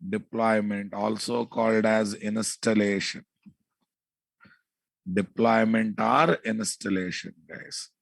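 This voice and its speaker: A man's voice: lowish voice, fairly even intonation, slow pace, gravelly, dry recording. A man with a Telugu Indian accent giving an informal technical lecture as an instructor, repeating himself and often checking that listeners follow. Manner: repetitive, checks understanding often with casual asides. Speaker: programming instructor.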